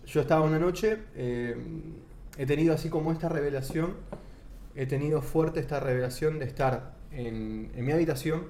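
A man's voice: on the high side, normal speed, dark tone. Earnest Argentine man in an echoey room. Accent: Argentine Spanish. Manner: earnest, searching for words with many restarts. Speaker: guest giving testimony. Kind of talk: casual conversational testimony. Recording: echoey room with faint background noise.

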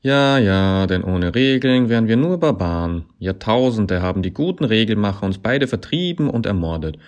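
A man voicing a sarcastic male climbing hold that talks back, dry and mocking, growing into loud accusations. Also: low voice, animated, very slow, exaggerated voice. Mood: bitter.

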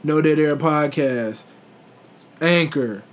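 A man's voice: a little high, slow pace. A man co-hosting a podcast in casual, comedic chat, slangy and jokey, leaning on repeated catchphrases. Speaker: podcast co-host.

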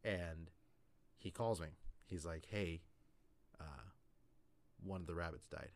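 A man with a very deep, low voice tells a rambling story over a podcast chat. He keeps circling back with fillers and "like" as he goes. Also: steady tone, slow. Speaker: podcast co-host.

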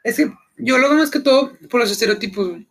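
Young man, Mexican accent, very high voice, fry, slangy casual talk. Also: quick pace, a bit bright. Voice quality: unusually high voice. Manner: laid-back, slangy, laughs often. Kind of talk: casual chat.

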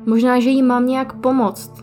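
A woman voicing a gentle, playful young female ghost who talks softly and hesitantly. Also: high voice, little pitch movement, lightly acted. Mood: uncertain. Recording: faint music behind.

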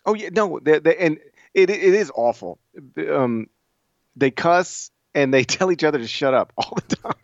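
A talkative man co-hosting a sports podcast, his voice sitting a bit high for a man. He rambles and restarts as he goes, animated throughout. The mic sounds dry and slightly dull, with little room around it. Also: dry recording. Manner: animated, chatty, lots of restarts. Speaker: podcast co-host. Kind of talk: casual sports chat.

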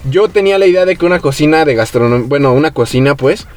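A young man with a Mexican Spanish accent, hosting a podcast and telling a story in relaxed, slangy chat, acting out the voices of people he quotes. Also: a little high, fast talker, soft background music. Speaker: podcast host.

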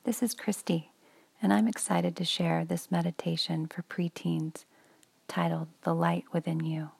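A woman leads a children's meditation in a hushed, breathy near-whisper. Her voice is low, dark and gravelly, and she speaks in an even, unhurried way. The sound is dry and close, with no room echo. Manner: soft whispery delivery, slow and soothing. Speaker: meditation guide.

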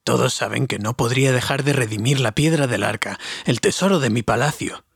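A stubborn, wrathful dwarf king growls his words slowly and low, as a man reads him aloud. The voice is husky and sits close and dry, like a homemade audiobook. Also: no echo. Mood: bitter. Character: proud angry dwarf king, older male.

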